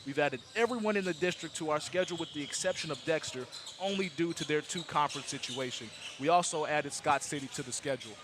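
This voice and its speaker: A man's voice: a little high, fast talker, background noise. A nineteen-year-old man calling a summer basketball game as play-by-play announcer, casual and leaning on "absolutely". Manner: casual, repeats "absolutely", filler-heavy. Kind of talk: sports commentary. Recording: gym ambience with ball bouncing.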